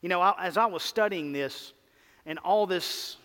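Guy preaching w/ a mississippi drawl, pretty high voice, hammers his points and repeats stuff, big echoey church hall. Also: fairly bright tone. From Mississippi, United States. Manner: emphatic, repetitive, with deliberate pauses and call-and-response. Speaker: pastor preaching. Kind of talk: sermon. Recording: reverberant hall sound.

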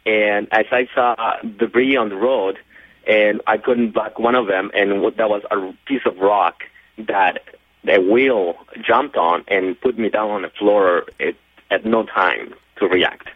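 A man calling a radio show for advice, answering questions haltingly and in short phrases. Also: on the low side, steady tone, no room sound. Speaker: radio show caller seeking legal advice. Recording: tinny narrowband phone line.

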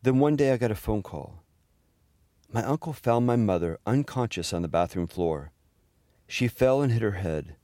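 A middle-aged man fondly narrating humorous family memories in a gentle storytelling manner. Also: fairly low pitch, animated, moderate pace, no echo. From Houston, Texas area. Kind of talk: personal memoir narration.

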